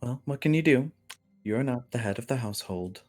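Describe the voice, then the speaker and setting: Guy doing a snooty noble mom, cutting and loud, tabletop game. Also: medium pitch, lively intonation, a little fast, soft background music, voice pushed up, close to an everyday voice. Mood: scornful. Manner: scornful, cutting. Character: haughty scheming noblewoman mother.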